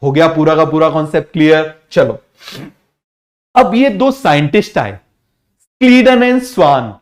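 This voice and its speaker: Male biology tutor, high voice, call-and-response drilling, casual online lecture. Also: lively intonation, normal speed. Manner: drills students with repeated call-and-response questions; mixes English science terms into casual talk. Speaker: biology teacher. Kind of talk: online exam-prep lecture.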